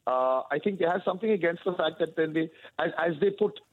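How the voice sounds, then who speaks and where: Fast-talking, husky man on a dull line. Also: on the high side, dry recording. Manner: chatty, opinionated, enthusiastic. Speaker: Bollywood gossip correspondent. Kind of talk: casual chat over radio.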